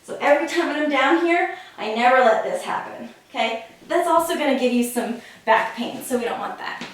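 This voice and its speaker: A woman's voice: high-pitched, expressive, moderate pace. A woman fitness instructor explaining and demonstrating exercise technique, a little out of breath as she moves. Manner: instructive, demonstrates while talking. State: slightly out of breath. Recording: very echoey room, voice from a distance.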